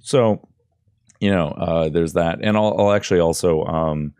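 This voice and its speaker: Deep-voiced and a bit slow, a man in his thirties walks through a casual screen-recorded audio tutorial in an informal, loosely explanatory style. His tone is smooth and darkish with no echo, captured close on a boom-arm desk microphone as he sits indoors at his computer wearing headphones.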